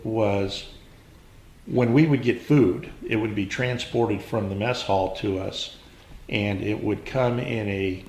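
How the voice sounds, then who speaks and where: In an unscripted oral history interview, an older American veteran around his 70s reminisces about his service. His lowish voice is measured and halting, broken by reflective pauses. The interview sounds roomy and echoing.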